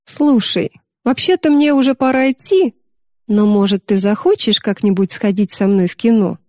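Woman doing a charming young guy, easy friendly talk, mellow tone, close dry sound. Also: mid-range voice, normal speed, no room sound, close to an everyday voice.

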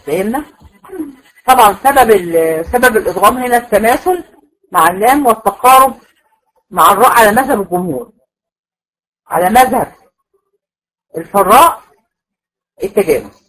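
A woman's voice: medium pitch, expressive, normal speed, long pauses, a bit bright, low-quality recording. A woman with an Egyptian accent teaching Quran recitation rules in a classroom lecture, patiently repeating points and checking that students follow. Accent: Egyptian Arabic.

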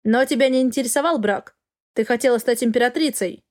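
A woman voicing a male dragon lord in an audiobook, calm and dryly mocking. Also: on the high side, a little fast, natural voice. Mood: cool. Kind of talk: audiobook character voice.

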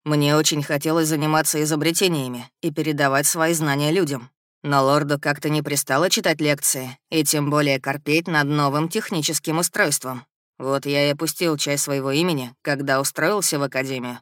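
Guy playing a calm young lord inventor, bright forward tone, dry close sound, audiobook vibe. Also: fairly high pitch, fairly quick, no room sound, close to an everyday voice. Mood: earnest. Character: young male lord, earnest inventor, gentle. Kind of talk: audiobook character reading.

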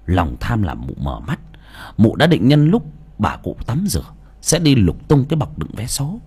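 A male storyteller reading an audiobook with a husky voice. His pitch moves in wide, lively swings, and he reads in an expressive, dramatic manner. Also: moderate pace.

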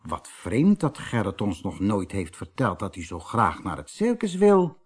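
A man's voice: fairly low pitch, wildly swooping pitch, a little slow, slightly rough, voice pushed down, full character voice. A man voicing an anxious, fretful mother who worries about everything. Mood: worried. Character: anxious worrying housewife and mother, middle-aged.

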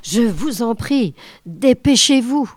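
A woman reading aloud voices a cool young female secret agent, calm and firm. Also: a little high, takes it slowly, dry recording, studio quality, voice pushed up. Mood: urgent.

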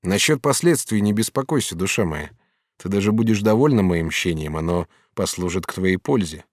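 A man voicing a proud, sly and hot-tempered master artist in an audiobook, speaking firmly and with measured command. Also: low voice, expressive, dry recording, clean studio sound. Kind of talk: audiobook character reading.

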